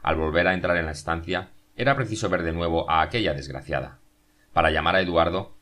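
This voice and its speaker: Male audiobook narrator, very low voice, steady measured read.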